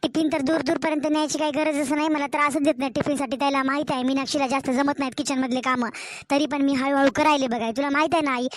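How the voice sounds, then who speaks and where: A woman's voice: high voice, steady tone, lightly acted. A woman voicing a scheming, sweet-talking young married daughter in a cartoon story, chatty and coaxing. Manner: chatty, coaxing, drawn-out village-style talk.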